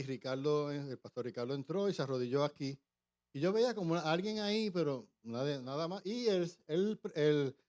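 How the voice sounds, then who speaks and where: A man preaching a testimony in church, telling the story with halting restarts and acted-out voices. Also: fairly high pitch, a little mellow. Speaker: pastor. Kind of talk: testimony sermon.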